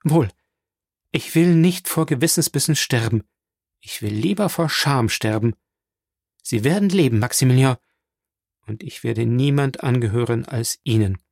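A man's voice: mid-range voice, expressive, a little slow, creaky, pauses often, a little mellow, no echo, clean studio sound. A man reading an audiobook, voicing a pious young woman in despair who pleads fervently and through tears. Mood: resolute, fervent.

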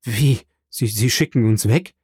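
A man voicing a gruff, loyal old sailor in an audiobook, speaking in a strained, pressed way. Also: medium pitch, a little slow, a little mellow, no echo, clean studio sound. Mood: pleading, loyal.

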